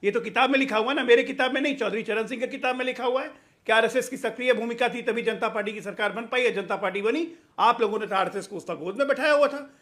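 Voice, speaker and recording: Fast-talking high-voiced male debater. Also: a bit bright. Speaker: debate panelist. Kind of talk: heated TV debate.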